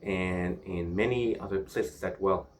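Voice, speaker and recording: A man from Myanmar chatting casually in a solo vlog, musing in a halting way with pauses. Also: deep voice, slight background noise. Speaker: vlogger.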